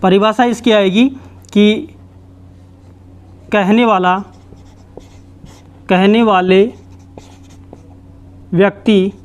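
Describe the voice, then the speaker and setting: A man teaching a grammar lesson, explaining slowly and repeating himself with many restarts. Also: sits high, fairly even intonation, clean tone. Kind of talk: Hindi grammar lesson at a board.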